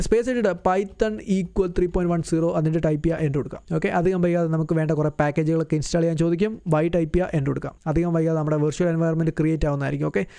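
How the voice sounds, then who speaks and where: Fast-talking man explaining software. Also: on the high side, clean tone, no room sound. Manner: chatty step-by-step instructions, self-correcting. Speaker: tutorial host. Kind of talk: screen-recorded software tutorial.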